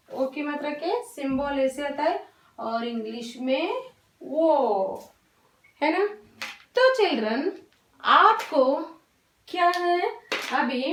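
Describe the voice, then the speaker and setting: A high-pitched woman teacher talks slowly and patiently to small children, repeating each point. She is recorded from a distance in an echoey room. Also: a bit bright. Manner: slow, patient, repetitive, mixes English words into Hindi. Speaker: primary school teacher. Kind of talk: recorded Hindi class for young children. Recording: roomy echo, voice from a distance.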